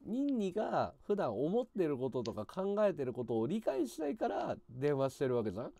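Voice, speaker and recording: A man's voice: on the high side, wildly swooping pitch, fairly quick, creaky, dark tone. A man in a casual phone conversation, insistent and questioning, often repeating himself to press the point. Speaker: livestreamer talking to a viewer.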